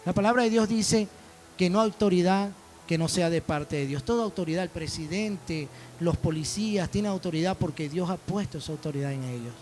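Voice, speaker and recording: High-voiced preaching man. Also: brisk, darkish tone, slight background noise. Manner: storytelling preacher, quoting dialogue. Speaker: pastor. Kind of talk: sermon.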